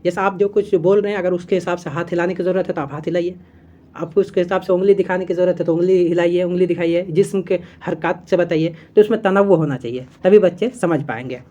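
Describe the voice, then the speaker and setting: Fast and mellow, a woman's lowish voice comes through dull audio as she teaches for an exam. Reading from her notes, she explains things step by step, repeating key terms and using fillers and self-corrections.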